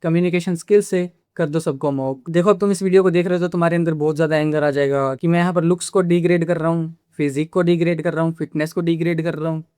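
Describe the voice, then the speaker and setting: A man's voice: a little high, steady tone, fast, few pauses, darkish tone, smooth, dry recording. Man, communication coach, lecturing tone, mixes in English phrases, dry close recording. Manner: direct, lecturing, addresses viewer as "you". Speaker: communication skills YouTuber. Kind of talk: casual instructional talk to camera.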